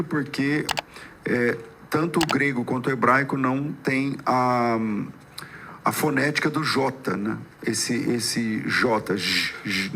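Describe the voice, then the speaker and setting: A man hosting a podcast debate as a pastor, laying out a topic in measured, halting questions. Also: mid-range voice, fairly bright tone, slight background noise.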